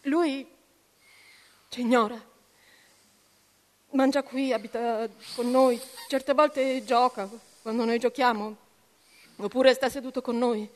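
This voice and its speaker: A hoarse, worn-out farm parent, read by a woman in a storybook reading, talking with strain. A long hall reverb trails the voice. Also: a little high, fairly even intonation, takes it slowly, pauses often, pitched above the performer's own voice. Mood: weary.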